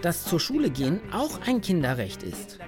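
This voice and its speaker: A woman voicing a curious, brave young boy who calls out loudly in a storybook. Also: on the low side, moderate pace, music in the background. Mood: eager. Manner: excited, loud calling out.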